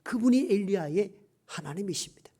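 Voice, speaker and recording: Korean guy preaching sunday sermon, gets loud then drops to a near whisper, drags out the big lines. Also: high voice, lively intonation, slightly rough. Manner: dramatic, swings from raised emphasis to hushed near-whispers; slows down to stress key phrases. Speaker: pastor. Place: church sanctuary.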